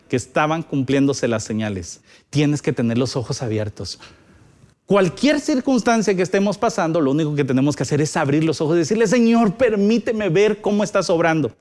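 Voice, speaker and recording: A man with a Guatemalan Spanish accent delivers a sermon in a notably high voice. He reads scripture aloud and swings between rising and falling emphasis as he preaches. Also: darkish tone. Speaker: pastor.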